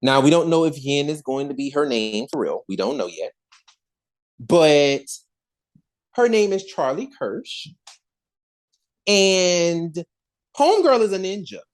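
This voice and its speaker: Animated, slangy woman chatting unhurriedly. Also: deep voice, measured pace, long pauses. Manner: animated, slangy, laughs often. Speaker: podcast host. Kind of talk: casual gossipy chat.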